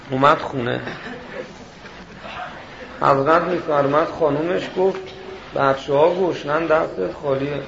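A man preaching a sermon as a story, animated and often laughing as he tells it. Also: on the high side, vocal fry. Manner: animated, laughing through the telling. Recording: echoey hall, dull sound, background noise.

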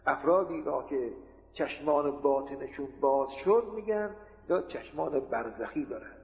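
Man preaching in an echoey hall. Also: fairly high pitch. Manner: explanatory, poses rhetorical questions and gives examples. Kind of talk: religious lecture. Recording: tinny lo-fi recording in an echoey hall.

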